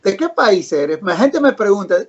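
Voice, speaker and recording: A woman's voice: mid-range voice, big pitch swings, normal speed, husky. A woman hosting a live online interview, asking questions in an upbeat, chatty way. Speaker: host. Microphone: video call. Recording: dull lo-fi live-stream audio.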